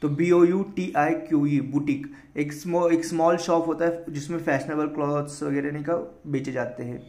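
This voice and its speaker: Echoey, higher-voiced Indian vocab teacher. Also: male voice, fairly even intonation, normal speed, warm tone. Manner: spells words letter by letter, explains in Hindi. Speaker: vocabulary teacher for exam prep. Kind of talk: casual spoken lesson.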